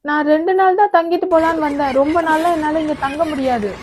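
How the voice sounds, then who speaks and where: A whiny, melodramatic young sister-in-law, as a woman puts her on. Her voice rides high and thin above an ordinary speaking voice, pleading and complaining in a home comedy skit. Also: fairly even intonation, quick pace, a little mellow, a little hiss or hum, lightly acted. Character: whiny dramatic young wife, the husband's sister.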